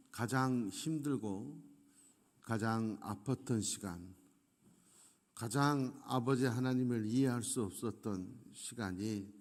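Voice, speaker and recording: A middle-aged male pastor giving an earnest sermon, slowing down for emphasis between phrases. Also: on the low side, a little mellow. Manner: earnest preaching with slow, emphatic pauses. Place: church sanctuary. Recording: echoey church hall.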